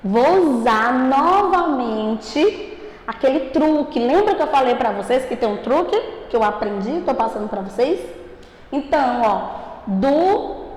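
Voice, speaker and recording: Brazilian woman, primary teacher, high voice, drawn-out and emphatic, taped remote lesson with a ringing echo. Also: lively intonation, a little mellow. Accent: Brazilian Portuguese. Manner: slow, emphatic, stretches out syllables; asks questions and answers them for the class. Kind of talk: recorded remote grammar lesson for children. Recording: echoey room with long reverb.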